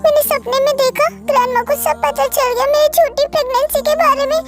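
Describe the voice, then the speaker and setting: Very high-pitched, soothing female drama voice. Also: steady tone, fast talker. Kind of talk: dubbed romantic drama. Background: background music.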